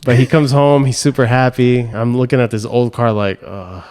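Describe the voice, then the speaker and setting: A young man from Hawaii hosting a podcast, telling animated stories and acting out voices and sounds. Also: medium pitch, fairly quick, clean tone. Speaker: podcast host. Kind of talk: casual storytelling chat.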